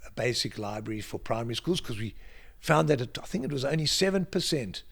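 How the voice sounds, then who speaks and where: This is a middle-aged South African man sitting in a library for an interview. His voice carries a gravelly, creaky texture at a middling pitch. He speaks with a South African accent, trips over his openings and then lands points with bursts of emphasis. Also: expressive, a bit bright. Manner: halting, restarts phrases, bursts of emphasis. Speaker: guest, creative director. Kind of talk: casual interview chat.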